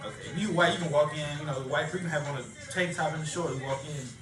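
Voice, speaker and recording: Fast-talking young man in an echoey room. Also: fairly high pitch. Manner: emphatic, talks fast, acts out quoted voices. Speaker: college student in discussion. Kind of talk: casual group discussion. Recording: echoey room with music behind.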